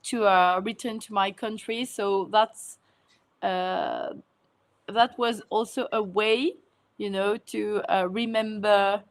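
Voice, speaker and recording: A woman's voice: medium pitch, fairly even intonation, takes it slowly. A woman from Mauritius, a guest answering in a casual interview, hesitant with many fillers and frequent laughs. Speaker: guest, food content creator.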